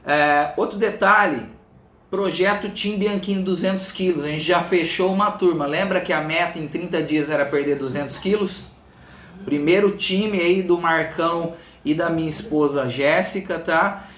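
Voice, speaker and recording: Brazilian male live-stream host, higher-pitched voice, informal greetings, slightly swollen-tongue speech, roomy echo. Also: normal speed, a bit bright, slight background noise. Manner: chatty, informal, addresses viewers by name. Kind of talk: casual live chat greeting viewers. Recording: roomy, echoing room sound.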